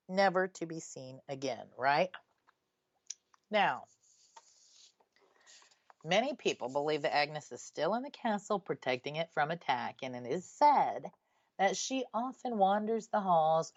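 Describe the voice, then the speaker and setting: A woman's voice: sits low, dry recording. A woman hosting a radio show about ghosts in a conversational storytelling style. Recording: slightly dull, dry sound.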